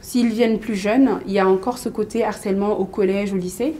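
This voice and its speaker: A woman in her thirties from Mali, a business coach and guest on an interview, speaking casually with many pauses and fillers. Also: medium pitch, slight background noise. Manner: hesitant, many fillers and restarts, lively storytelling.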